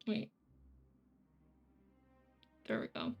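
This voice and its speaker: Over soft background music and dull-sounding audio, a young Swedish woman talks extremely slowly as she plays a game on stream. Her casual chatter wanders, with hesitations, self-corrections and giggles as she works things out aloud.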